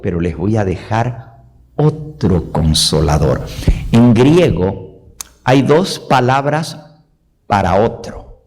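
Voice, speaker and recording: A man's voice: on the low side, expressive, slow pace, pauses often, a little mellow. A male pastor preaching a sermon, explaining point by point with repeated everyday examples. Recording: long reverb of a hall.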